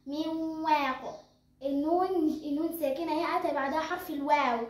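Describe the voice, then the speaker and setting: A woman's voice: high-pitched, steady tone, fairly quick, echoey room. A young girl with an Egyptian accent explaining tajweed rules as a teacher, asking and answering her own questions. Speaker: Quran recitation teacher.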